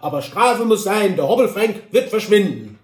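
A man putting on a shrill, offended little hunter with a Saxon accent. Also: big pitch swings, echoey room. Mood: indignant. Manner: shrill, indignant, drawn-out. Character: quarrelsome touchy little man, Saxon dialect.

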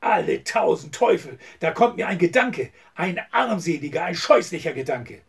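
A man's voice: a little high, big pitch swings, moderate pace, gravelly, husky, recorded from a distance, full character voice. A man reading the part of a scheming, hot-tempered male oil swindler in an audiobook, talking agitated and bitter.

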